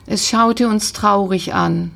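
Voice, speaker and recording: A woman narrating a children's storybook in a calm, gentle, measured way. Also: mid-range voice, creaky. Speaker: audiobook narrator. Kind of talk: scripted storybook narration, first person as a horse.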